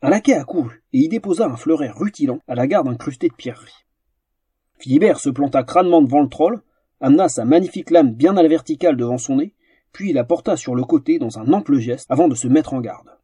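A man narrating a fantasy story in a theatrical, animated audiobook style. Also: on the high side, fairly quick, breathy edge, no echo.

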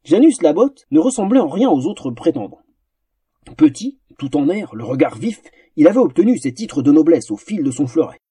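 A man reads a fantasy tale aloud with theatrical flair. His voice is husky and mellow, and his pitch rides high and moves a lot. The recording is close and dry. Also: normal speed, no echo. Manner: theatrical, animated storytelling. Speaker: narrator. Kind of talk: expressive audiobook narration.

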